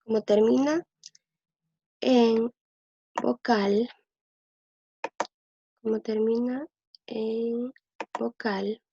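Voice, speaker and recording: Patient woman teacher, slightly high and gravelly, slow delivery, dull dry lo-fi recording. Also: steady tone, warm tone, dry recording. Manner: patient, repeats words slowly to drill pronunciation. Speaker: language teacher. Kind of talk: slow explanatory lesson, thinking aloud.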